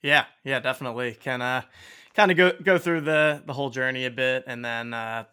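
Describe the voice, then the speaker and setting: Male podcast guest, bright smooth voice, casual and slightly stumbling delivery. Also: medium pitch. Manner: halting, repeats words while thinking. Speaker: podcast guest, startup co-founder. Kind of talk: casual interview chat.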